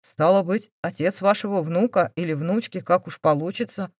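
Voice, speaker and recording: A woman voicing an unflappable young man who speaks quietly and firmly. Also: fairly low pitch, normal speed, slightly rough, no room sound, studio quality. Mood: unruffled. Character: calm, confident young man, possessive.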